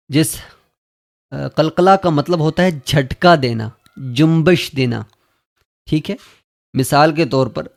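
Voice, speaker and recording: A man's voice: on the high side, creaky. A man teaching Quran reading, patiently drilling letters and syllables one by one. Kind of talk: step-by-step lesson.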